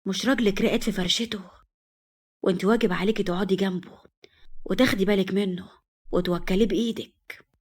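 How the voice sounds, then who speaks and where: A woman voicing a scheming older mother with an Egyptian accent, hushed and sly. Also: medium pitch, steady tone, fast talker, pauses often, natural voice.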